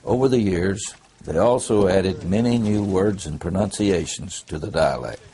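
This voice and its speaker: A man reads documentary narration in a steady, formal way. His voice sits low and has a mellow, dark warmth. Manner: measured, formal delivery. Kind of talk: scripted narration.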